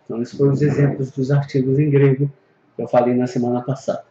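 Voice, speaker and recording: A man's voice: mid-range voice, flat delivery, quick pace, mellow, slight background noise. A man teaching a recorded Greek grammar lesson, patient and explanatory, often repeating and reviewing terms. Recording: echoey, dull lo-fi room recording.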